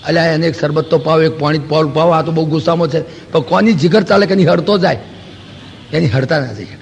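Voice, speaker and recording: A man's voice: a little high, fast, gravelly, slight background noise. A man with a Gujarati accent giving a spiritual discourse, telling stories with rhetorical questions and acting out quoted dialogue. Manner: storytelling with rhetorical questions and homely examples; acts out quoted dialogue in lively asides. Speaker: spiritual lecturer. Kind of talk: Vedanta discourse. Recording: long hall reverb.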